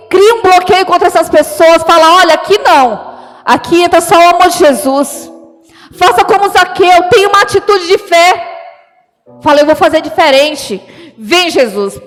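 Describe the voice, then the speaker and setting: A woman's voice: extremely high pitch, normal speed. A woman pastor preaching a sermon in church, often calling her listeners "dear ones". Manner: addresses congregation as "queridos". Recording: long hall reverb with music.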